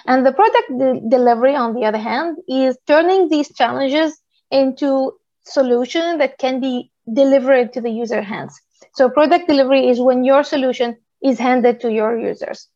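A woman from Tunisia, a product manager in her thirties, giving a talk in a steady explanatory way with many "uh" pauses. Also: sits high, dry recording, dull audio. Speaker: guest speaker, product manager. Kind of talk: presentation talk.

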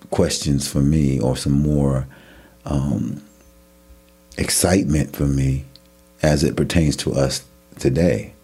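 Man, deep husky voice, casual Bible talk, animated retelling. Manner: animated, acts out imagined voices in a rising tone. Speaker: Bible study co-host.

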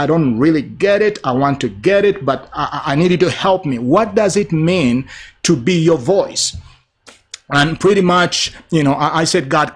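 A middle-aged man from Uganda hosting a broadcast, preaching a sermon in an earnest, repetitive cadence. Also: a little high. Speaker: preacher and TV host.

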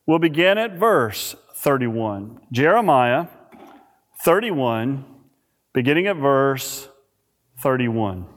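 Man, pastor, preaching at a pulpit microphone, measured and emphatic, lively rising and falling pitch, long church reverb. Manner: reads scripture and prays in a measured, emphatic way. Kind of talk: sermon. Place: church sanctuary.

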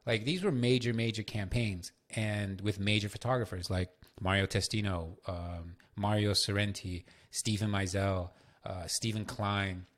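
A man's voice: fairly low pitch, fairly even intonation, measured pace. Laid-back man telling stories. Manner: loose, profane storytelling with many fillers. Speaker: podcast host. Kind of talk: solo storytelling podcast.

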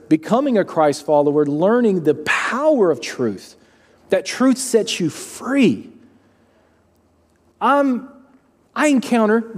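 A middle-aged man preaching a sermon as pastor, telling a personal story in an earnest, animated way. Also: high-pitched. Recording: long reverb of a large hall.

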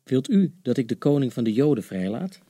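A woman voicing a stern, questioning male Roman governor in a dramatized scripture reading, her voice pushed down low. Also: very animated, brisk, dark tone, husky, dry recording, clean studio sound, full character voice.

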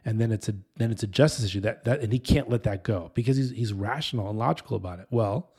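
Husky-voiced pastor, animated storytelling. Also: male voice, fairly low pitch, quick pace. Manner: animated, rambling, self-interrupting. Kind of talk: casual sermon storytelling.

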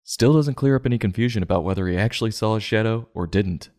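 A man's voice: on the low side, quick pace, a little mellow. A man hosting a comedic review show, narrating and commenting in an irreverent, sarcastic, profane way.

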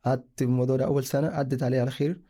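A man's voice: medium pitch, fairly even intonation, racing, mellow, slightly rough. A young man from Sudan, casually telling his own story in a rambling way, often correcting himself mid-sentence. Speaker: guest sharing a personal story.

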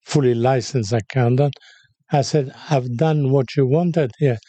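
An older man from Cyprus, born in Haifa, interviewed as a guest, telling his story in an unhurried, reflective way. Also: medium pitch, warm tone, no echo. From born in Haifa, raised in Cyprus. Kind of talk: interview conversation.

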